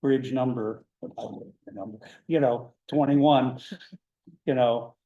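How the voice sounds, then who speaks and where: A man's voice: mid-range voice, steady tone, slow pace, phone-quality sound. Plainspoken man in an echoey meeting room. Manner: plainspoken, old-school, blunt. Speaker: board member. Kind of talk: town meeting discussion.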